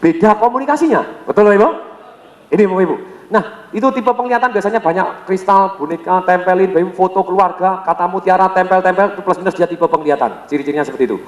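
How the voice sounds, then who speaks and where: Man from Indonesia, high voice, lively seminar trainer who quizzes the room, recorded with hall reverb. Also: fast. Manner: energetic, repeats key words and quizzes the audience. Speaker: sales trainer. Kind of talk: seminar lecture to a live audience.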